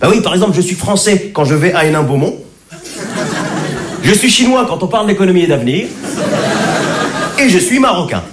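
Male stand-up, high and animated, teasing delivery, roomy stage sound with a crowd. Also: a little fast, pauses often, very noisy. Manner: playful, teasing the audience. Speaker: stand-up comedian. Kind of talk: stand-up routine. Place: comedy stage before a crowd. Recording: echoey stage with audience.

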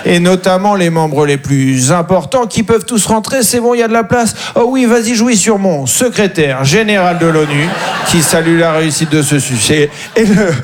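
A man delivers a comedy sketch in a mock-sultry, breathy tone. His voice runs high. Noise can be heard behind him.

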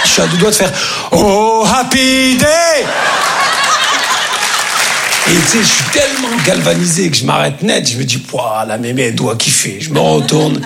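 A man's voice: fairly high pitch, gravelly, heavy background noise. A man doing a stand-up comedy set on a stage before a live audience, telling a story and acting out the dialogue. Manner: storytelling, acts out dialogue, bursts into mock singing.

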